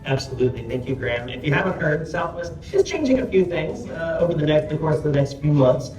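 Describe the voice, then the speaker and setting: Mellow businesslike man on a panel. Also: on the high side, big pitch swings, fast, faint music behind. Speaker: airline panelist. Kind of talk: panel discussion. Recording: echoey room, distant mic.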